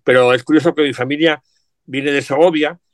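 A man's voice: fairly high pitch, steady tone, fairly quick, no room sound, studio quality. A middle-aged man chatting reflectively about family words, with frequent asides. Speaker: guest. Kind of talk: casual chat.

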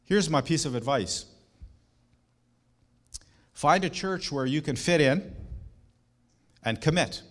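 A man's voice: on the high side, expressive, slow pace, long pauses, a bit bright. Earnest middle-aged male pastor preaching. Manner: earnest, emphatic preaching with rhetorical questions. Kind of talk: sermon.

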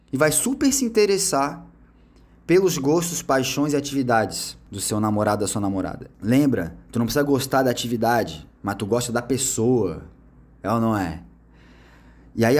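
A Brazilian man talks straight to his viewers in a loose, slang-filled monologue, with a mid-range voice that is neither high nor low. He drives his points home with emphasis, like a friend giving blunt advice on love and connection. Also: a little mellow. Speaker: vlogger giving relationship advice. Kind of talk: casual monologue to camera.

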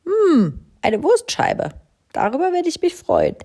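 Here is a self-centered storybook crow, pitched high and loud with a jumpy, swooping delivery. She whines and hurries through her words, as a woman reading the tale puts her on. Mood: eager. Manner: excitable, whiny and hurried.

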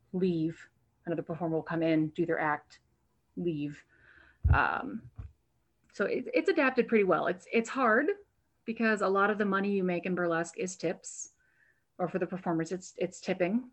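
A woman guest talking casually in an interview, chatty and restarting her sentences as she thinks. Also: lowish voice. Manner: chatty, repeats words while thinking, many "um"s. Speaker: guest, burlesque performer and show producer. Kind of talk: conversational interview answers. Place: home, on a video call.

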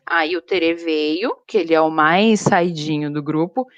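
Young woman, zookeeper, casual chat, animated storytelling, dry close sound. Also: low voice, a little slow, no room sound, dull audio.

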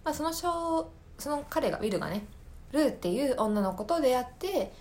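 A woman hosting a podcast gives casual solo recommendations, thinking aloud and hunting for words as she explains. Her high-pitched voice has lively intonation, a slightly fast pace, and a darkish tone.

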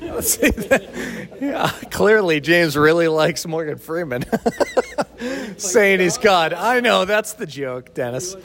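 With crowd noise in the background, a man co-hosts a podcast in a high, sing-song voice, speaking slowly. His casual, teasing chat is relaxed and sprinkled with chuckles. The sheltered outdoor spot surrounds him with big, echoey reverb.

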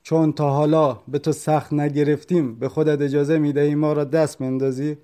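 A man's voice: fairly high pitch, flat delivery, warm tone, lightly acted. A man voicing a stern, mocking police officer during an interrogation. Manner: cold, mocking.

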